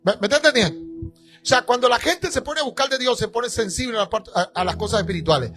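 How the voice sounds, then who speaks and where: High-voiced preaching pastor, emphatic. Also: male voice, quick pace, faint music behind. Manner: emphatic preaching, rising to shouts. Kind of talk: sermon. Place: church.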